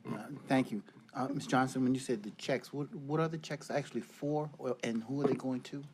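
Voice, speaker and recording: Male council member, middle-pitched voice, probing questions in a formal public meeting. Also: brisk, a little mellow, a little hiss or hum.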